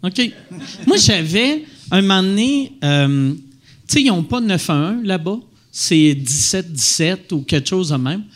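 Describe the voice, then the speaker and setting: A man's voice: sits high, expressive, a little slow. A man with a Québécois accent, chatting and joking animatedly about his comedy shows. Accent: Québécois French. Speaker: comedian guest. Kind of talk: casual chat.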